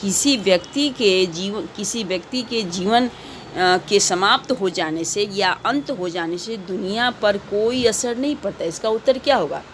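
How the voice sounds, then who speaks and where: A woman teacher talks schoolchildren through their homework questions in a recorded class. She speaks slowly and patiently at a middle pitch, and she repeats each answer so it sinks in. A faint hum sits behind her voice. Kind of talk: recorded class lesson for children.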